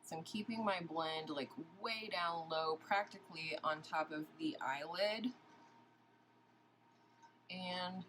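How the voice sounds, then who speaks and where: A woman's voice: on the low side, slow pace, long pauses, background noise. A woman beauty vlogger chatting casually while doing a makeup tutorial and asking viewers questions.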